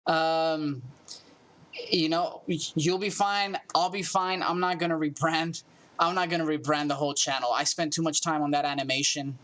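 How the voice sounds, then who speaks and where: A man's voice: a little high, fairly bright tone. A man hosting an interview, talking casually with a joking, self-deprecating manner. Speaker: host.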